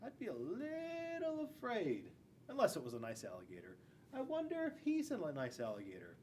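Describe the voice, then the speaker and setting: With a high-pitched, darkish voice whose pitch swoops wildly, this man speaks at normal speed while reading a storybook to young children. He's a school resource officer in his forties making playful, chatty asides in a classroom, recorded by a camera a few feet away with faint room noise.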